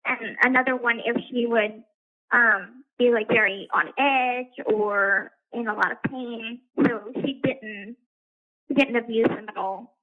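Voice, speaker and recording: The caller is an incarcerated woman on a correctional facility payphone, her voice slightly high with a steady tone and measured pace. She rambles hesitantly with many fillers, all heard through a thin, tinny phone connection.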